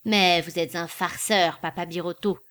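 A woman's voice: on the low side, steady tone, moderate pace, fairly bright tone, natural voice. A woman reading a jovial teasing tradesman.

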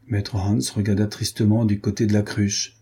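A man reads an adventure novel aloud in a measured, even manner. His voice is low-pitched, dark and mellow, with a strong breathy huskiness throughout. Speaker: narrator. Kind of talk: audiobook narration.

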